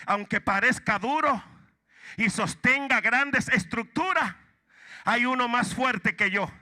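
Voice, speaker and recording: Guy doing iron, tough but humble, lower than his usual. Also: slow pace, sharp tone, heavily acted. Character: laughing iron, sturdy and humble.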